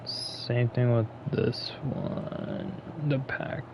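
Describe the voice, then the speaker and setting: A man's voice: medium pitch, huge pitch swings, very slow, creaky, heavy background noise. A man giving casual gameplay commentary, muttering and thinking aloud as he plays. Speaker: gaming streamer.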